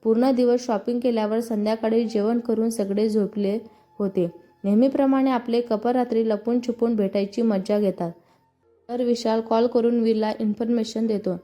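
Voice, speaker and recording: A woman with a Marathi accent reading a scripted story aloud, voicing all the characters' lines in her own even narrating voice. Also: fairly high pitch, normal speed, faint music behind. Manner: reads all parts in one even narrating voice.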